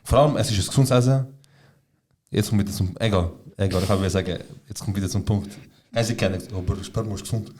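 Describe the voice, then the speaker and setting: A man's voice: on the low side, fast talker, a little mellow. A young man co-hosting a casual podcast, retelling a story with lots of slang, swearing and quoted dialogue. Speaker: podcast co-host.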